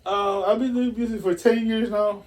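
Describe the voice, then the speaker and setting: Man, high-ish voice; animated casual guest who acts out quotes. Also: moderate pace. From Puerto Rico. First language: Spanish. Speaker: musician guest. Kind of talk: casual interview.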